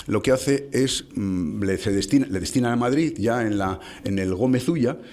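Male interviewee, lowish voice, storyteller who stumbles and restarts, then livens up. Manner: halting, many restarts and fillers, lively when telling anecdotes. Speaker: interviewee telling local history. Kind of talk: conversational storytelling.

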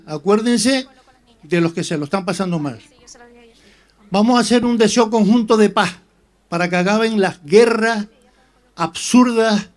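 Higher-pitched man giving a public speech. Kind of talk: ceremonial public speech at a Christmas lighting event.

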